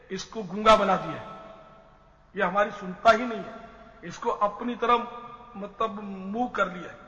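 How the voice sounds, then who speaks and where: High bright-voiced male preacher in a hall. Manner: patient, explanatory, advising listeners with everyday examples. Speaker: religious preacher. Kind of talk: Islamic advice lecture on family life. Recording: dull lo-fi sound in a reverberant hall.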